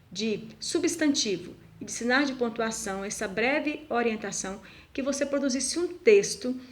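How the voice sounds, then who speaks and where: A woman teacher giving a recorded video lesson to schoolchildren, speaking slowly and deliberately and asking the pupils questions. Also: high-pitched. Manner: slow, deliberate, asks pupils rhetorical questions.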